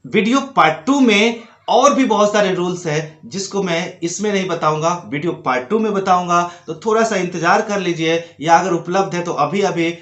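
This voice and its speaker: A man's voice: high-pitched, moderate pace, fairly bright tone, reverberant. A man teaching an English pronunciation lesson, explaining step by step and asking his students direct questions.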